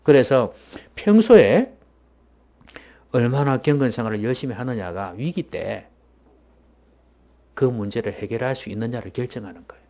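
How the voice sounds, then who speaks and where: A man preaching a sermon as pastor in a church, emphatic and at times dropping to a hushed voice. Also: mid-range voice, animated, moderate pace, pauses often.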